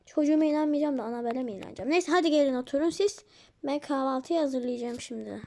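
A woman voicing a busy, bossy mother in a Toca Life game role-play, brisk and scolding. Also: high-pitched, warm tone, voice pushed down.

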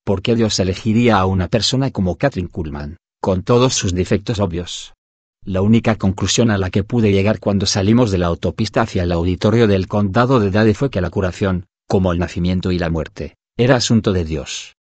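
Reading scripted audiobook narration a little fast, a man with a low voice keeps an even, steady delivery. He sometimes says the punctuation aloud; the close, dry recording has no room echo.

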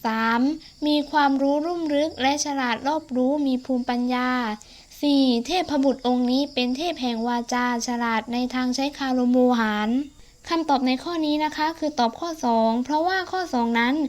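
A woman's voice: high voice, normal speed. A teenage girl explaining exam answers politely and step by step to classmates. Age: teens. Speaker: student tutor. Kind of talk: exam-prep lesson explanation.

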